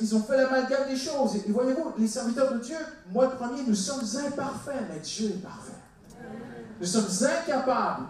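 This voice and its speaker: A man preaching a sermon to a congregation, talking to them directly and acting out the words he quotes. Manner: animated, dramatizes quotes with big pitch swings. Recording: echoey hall, mic from a distance.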